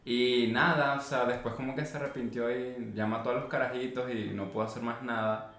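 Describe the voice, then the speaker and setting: A man's voice: medium pitch, fairly even intonation, a little fast, a bit bright, roomy sound. A man with a Venezuelan accent, co-hosting a podcast, talking in a casual, joking, somewhat hesitant way. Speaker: podcast co-host. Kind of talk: casual chat.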